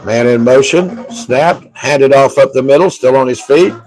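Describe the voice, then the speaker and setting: A man with a hoarse voice calling a high school football game for local radio in a folksy, easygoing way. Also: normal speed, darkish tone, soft background music, low-quality recording. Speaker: play-by-play announcer.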